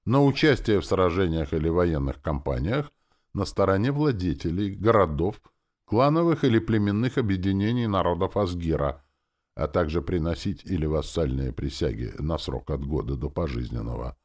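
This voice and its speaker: A man's voice: low voice, animated, normal speed, darkish tone. A man voicing a formal magical system message in an audiobook, read like an official notice. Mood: announcing.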